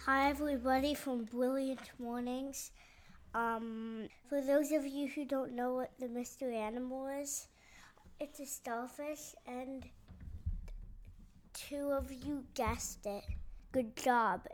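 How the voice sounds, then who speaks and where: A woman's voice: high voice, steady tone, takes it slowly. A woman giving a short, casual message to listeners about a mystery animal, hesitant with fillers. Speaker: guest announcer of a mystery animal.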